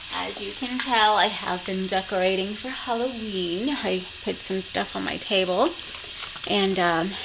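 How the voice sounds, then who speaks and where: A woman with a sore throat from being sick, chatting enthusiastically as she shows off her craft projects in a casual vlog. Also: medium pitch. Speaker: craft vlogger. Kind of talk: casual project show-and-tell. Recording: muffled lo-fi sound with clear background noise.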